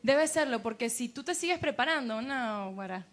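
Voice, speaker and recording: A woman pastor, preaching a sermon in an animated way and quoting people's doubts in a quieter voice. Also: on the high side, moderate pace, a little hiss or hum.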